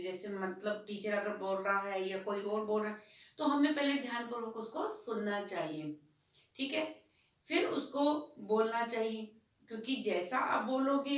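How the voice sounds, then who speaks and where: A woman teaching a school Hindi lesson, explaining patiently and asking questions that she answers herself. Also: medium pitch. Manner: slow, patient, asks and answers her own questions. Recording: echoey room, voice from a distance.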